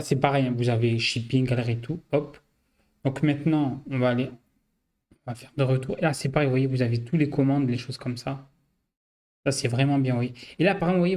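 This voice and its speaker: Man, casual software tutorial host, chatty filler-heavy walkthrough, mid-pitched voice. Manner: loose, filler-heavy walkthrough with frequent "hop" and "vous voyez". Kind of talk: casual screen-share tutorial.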